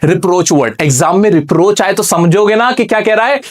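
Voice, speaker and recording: A man teaching a lesson, reading English lines slowly and then explaining them with constant rhetorical questions to his students. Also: high-pitched, animated. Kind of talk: classroom-style lesson explanation.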